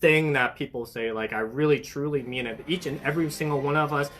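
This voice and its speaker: A young adult with a fairly bright, medium-pitched voice hosts a hobby shop livestream at a fairly quick pace, faint music playing behind. Casual and upbeat, they chat with viewers, greet them by name and read their comments aloud, warmly and effusively, with plenty of fillers and restarts.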